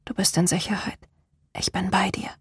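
A woman narrator voicing a drowsy, tender young woman in a whispered role-play, murmuring softly. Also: mid-range voice, moderate pace, husky, dry recording, clean studio sound. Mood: sleepy tender.

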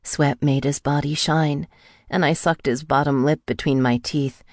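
A woman narrating a first-person romance audiobook in an intimate, breathy delivery. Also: low-pitched, fairly even intonation, measured pace, no room sound, clean studio sound.

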